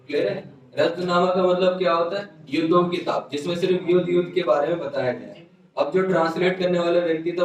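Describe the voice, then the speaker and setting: A man teaching a history class, constantly checking in with his students and calling them dear children. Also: on the high side. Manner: repetitive checks like "clear?" and "keep in mind", addresses students as dear children. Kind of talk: classroom lecture. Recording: echoey room, mic at a distance.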